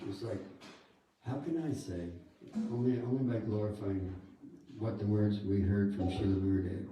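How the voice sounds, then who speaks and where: A man preaching in a relaxed, chatty way, with a very dark and mellow tone. His voice comes from a distance and rings through an echoey temple hall. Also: fairly low pitch. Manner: conversational, with many asides. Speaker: guru giving a talk. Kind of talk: sermon. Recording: echoey hall, speaker off-mic.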